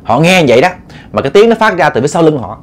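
A man with a Southern Vietnamese accent narrating a ghost story in an animated, dramatic way, often repeating words as he builds tension. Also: on the high side, fast talker. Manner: animated, dramatic, repetitive stammering.

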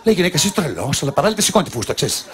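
A man telling jokes on a comedy show, animated and acting out the characters in them. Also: sits high. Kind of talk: stand-up joke telling on a TV show. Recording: live audience laughter and noise.

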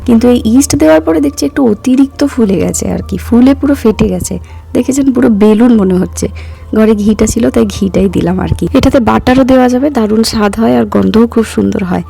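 A woman in her thirties, hoarse from a cough, chatting casually as a vlogger and walking viewers through each step. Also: fairly high pitch, warm tone. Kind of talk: casual vlog narration.

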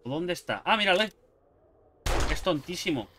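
A man's voice: high-pitched, a little slow, heavy background noise. A young man with a Spain Spanish accent giving casual let's-play commentary, swearing and chatting to himself as he plays. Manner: lively, swearing, talking to himself and the game. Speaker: gameplay YouTuber.

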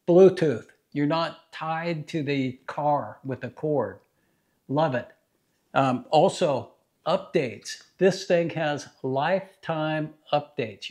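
In his home garage, a man in his fifties shows off scan tools for his DIY mechanic channel. The demo is casual, and his explanations are simple, practical and never rushed. He has a fairly high, slightly mellow voice.

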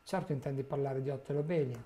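A man's voice: medium pitch, fairly even intonation, fast, dark tone, close to an everyday voice. A man reading as a young male hobbit who asks bewildered, worried questions. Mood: puzzled.

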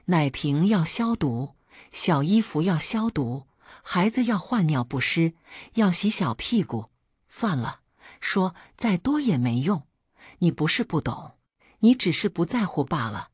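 A woman's voice: lowish voice, sing-song, unhurried, darkish tone, husky, no room sound, clean studio sound, heavily acted. A woman voicing a tired, put-upon older mother who speaks plainly and resentfully. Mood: bitter.

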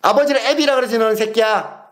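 Shrill, insulting middle-aged man. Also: fast talker, a bit bright. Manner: abusive, hurls insults and taunting questions. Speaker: older brother. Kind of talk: heated phone argument.

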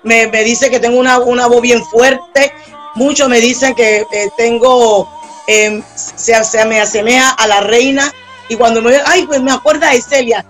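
A salsa singer with a Peruvian accent from Lima and a strong, powerful voice, chatting freely in an interview with many restarts. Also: female voice, on the high side, fairly even intonation, unhurried, a bit bright, faint music behind. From Peru. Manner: chatty, with frequent restarts and fillers. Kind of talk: casual interview chat.

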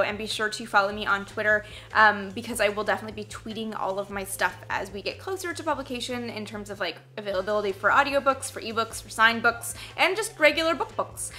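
A young woman with a Canadian accent hosts a casual vlog Q&A. Her voice sits a little high and bright. She talks in a loose, friendly way with plenty of fillers. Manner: chatty, uses many fillers. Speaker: YouTube host and author.

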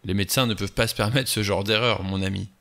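Curt, acerbic doctor read by a man, forceful, bright tone. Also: lowish voice, fairly even intonation, fast, gravelly. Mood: defensive. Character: prickly, defensive male doctor.

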